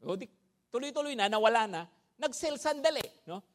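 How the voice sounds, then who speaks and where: A preacher with a high-pitched voice delivers an animated Taglish sermon, moving between Tagalog and English at a slightly fast clip. He keeps asking listeners "no?" and "di ba?" and acts out his stories with loud sound effects.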